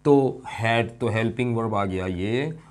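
A middle-aged man teaching an English grammar lesson, explaining step by step and quizzing his students, stressing key words slowly. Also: mid-range voice, darkish tone. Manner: slow and emphatic over key words.

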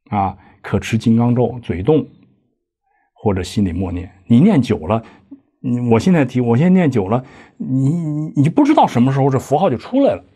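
A man lecturing on an old text, reading out each line and then explaining it in everyday words. His voice is mellow and slightly husky. He keeps turning to his listeners with questions as he talks. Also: mid-range voice. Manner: explains line by line with conversational asides and rhetorical questions. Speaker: lecturer on Buddhist practice. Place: lecture hall.

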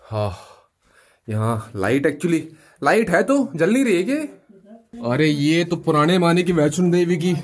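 A man in his thirties, a travel vlogger, talking casually to a camera he holds at arm's length as he walks a hill path and crawls into a narrow dark cave. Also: on the high side, animated, unhurried. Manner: chatty, talks to the camera while walking. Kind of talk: casual travel vlog narration. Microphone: handheld camera at arm's length.

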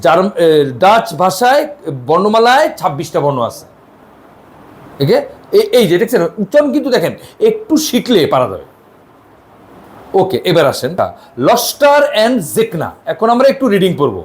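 A male language teacher with a Bangladeshi Bengali accent leads a class. His voice sits high and swoops up and down as he drills pronunciation, says words slowly and again, and checks whether his students follow. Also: very animated. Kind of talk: classroom lesson.

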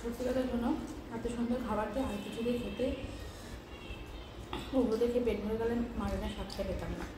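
A woman's voice: on the high side, fairly even intonation, racing, pauses often. A woman chatting casually while chewing her food, praising the meal. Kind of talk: casual chat. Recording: echoey room, mic far off, loud background noise.

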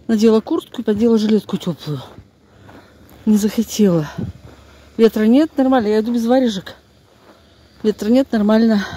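An older woman with a Northern Russian accent vlogs on a handheld phone as she walks snowy residential streets, briefly passing through a stairwell and onto a bus, chatting and grumbling colloquially to viewers. Her medium-pitched voice is warm and slightly rough. The recording is noisy, with street ambience.

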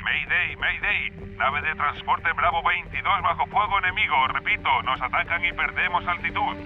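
Brief: downed transport pilot, urgent clipped mayday through a muffled radio with game score behind. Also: male voice, fairly high pitch, normal speed. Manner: urgent mayday call, clipped military phrasing. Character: male dropship pilot under fire, urgent. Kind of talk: video game dialogue dub. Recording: muffled radio-band game audio with music.

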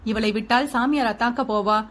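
Female narrator doing a cocky young male suitor in an audiobook, firm and joking, higher-pitched. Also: normal speed, natural voice. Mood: teasing, firm. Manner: blunt, teasing. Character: determined young man, teasing suitor.

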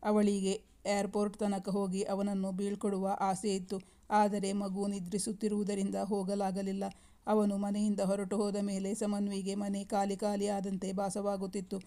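A woman narrates a heartfelt story in a calm, scripted way. Her voice is dark and mellow, with very little pitch movement. The reading moves along evenly from line to line. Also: moderate pace. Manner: steady, even reading.

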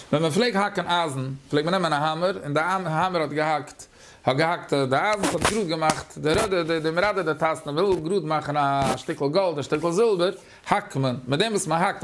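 A man with a Yiddish accent teaching a Talmud class, talking haltingly, repeating words and using many fillers. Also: on the high side.

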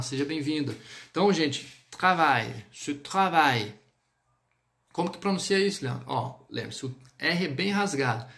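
A man with a voice on the high side teaches a live online French lesson through a phone or webcam mic, checking in with his viewers often.

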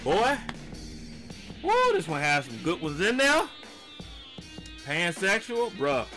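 Lively man hosting a reaction video. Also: fairly high pitch, a little slow, faint music behind. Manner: hypes up the audience with slangy asides. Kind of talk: casual reaction commentary.

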